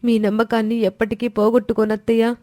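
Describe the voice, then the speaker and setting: A woman's voice: a little high, level tone, fast talker, no room sound, studio quality, pitched above the performer's own voice, lightly acted. A woman doing a meek young daughter-in-law. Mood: earnest. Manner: soft, humble.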